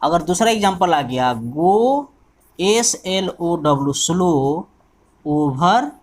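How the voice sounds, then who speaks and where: A male teacher speaks at a very slow, deliberate pace, spelling out words one letter at a time. His voice now and then drifts away from the mic. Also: on the high side, lively intonation. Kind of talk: exam-prep English grammar lesson.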